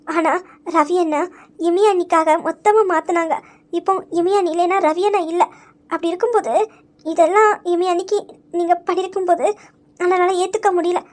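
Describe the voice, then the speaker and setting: A woman voicing a young woman in an audio story who comforts a crying friend, gently but firmly pointing out her mistakes. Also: very high voice. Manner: gentle but firm, reasoning and reproaching.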